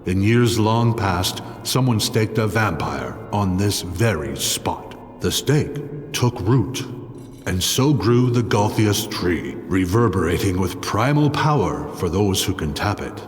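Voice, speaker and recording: In a fantasy audio drama, an actor voices an insane, arrogant druid outcast turned villain, mocking and pompous in his theatrical style. His low voice is animated but slow, and he sounds proud and fanatical over music and long reverb.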